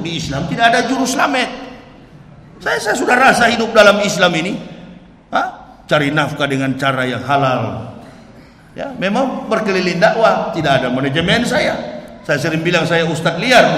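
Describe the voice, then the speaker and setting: A man from Manado, Indonesia, preaching a lively religious sermon. He talks with animation, laughs often and rises at times to shouting. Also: sits high, slight background noise. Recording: echoey hall, long reverb.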